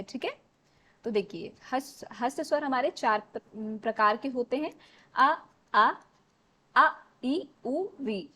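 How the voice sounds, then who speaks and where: A woman teaching an exam revision lesson. She explains step by step, mixes in English words and keeps checking with the class. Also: fairly high pitch.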